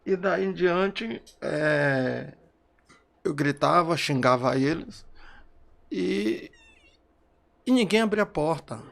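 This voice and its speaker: A grieving man with a gravelly, fairly high voice speaks in an interview. He tells his story in broken, repeating phrases, and his voice lifts when he recalls shouting for help. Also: expressive, slow, long pauses. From Brazil. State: emotional. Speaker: bereaved father interviewed. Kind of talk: emotional testimony.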